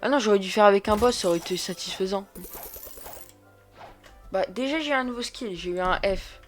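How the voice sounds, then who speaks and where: A man giving excitable, chatty let's play commentary, often repeating words as he plays. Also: sits high, fairly quick, faint music behind. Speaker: gaming video creator.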